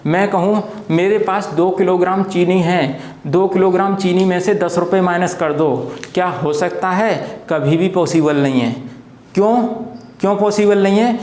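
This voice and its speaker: A man's voice: high-pitched, a little mellow. Patient man teaching at a board. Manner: asks rhetorical questions and answers them himself; repeats key points patiently. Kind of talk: classroom lecture at a board. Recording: echoey room.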